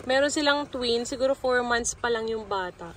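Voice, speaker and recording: A woman in her thirties with a Filipino accent, vlogging her family's camping trip and mixing Tagalog with English in a calm, reassuring way. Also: a little high, moderate pace, a little hiss or hum. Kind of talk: casual vlog narration. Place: campsite in heavy rain and wind, then inside a car.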